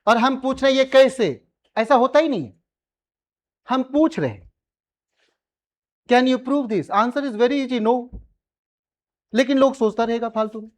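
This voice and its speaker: A man's voice: very high voice, animated, normal speed, long pauses. A man teaching a maths class, teasing and coaxing his students to answer, slipping English phrases into his talk. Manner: mixes English phrases into speech. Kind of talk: classroom lecture.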